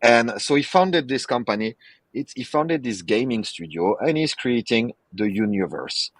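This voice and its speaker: A man's voice: medium pitch, expressive, moderate pace, dry recording. A man hosting a podcast in casual chat, talking with rambling enthusiasm and many fillers. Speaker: podcast host.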